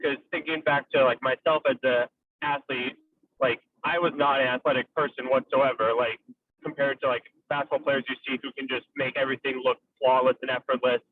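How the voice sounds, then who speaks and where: A man's voice: mid-range voice, flat delivery, fairly quick, distant mic. A young man calls in from a car speakerphone, his voice tinny and narrow like a phone line. He sounds set back from the mic, with a faint hiss underneath. He rambles through his question, dropping in filler words as he goes. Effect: car speakerphone call. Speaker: caller. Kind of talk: casual question to the guests. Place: in a moving car.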